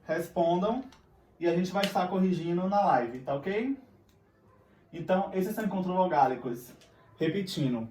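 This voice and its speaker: A man's voice: a little high, a little mellow, recorded from a distance. A man with a Brazilian Portuguese accent teaching a recorded grammar lesson, patient and often checking in with his students. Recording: echoey room, voice away from mic.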